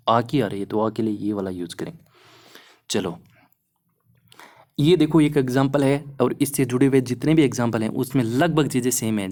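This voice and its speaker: Talking over slides at an even pace, a young man preparing students for exams goes through phonetics examples in a medium-pitched voice. His manner is relaxed and supportive, and he frequently checks on the class, repeatedly using "है ना."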